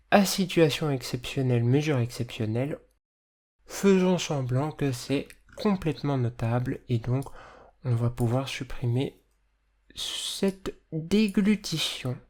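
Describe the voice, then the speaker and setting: A person with a slight lisp and hissy, slushy s sounds, explaining audio editing as a tutor in a measured, careful way. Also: medium pitch, warm tone. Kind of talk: instructional screencast narration, explanatory.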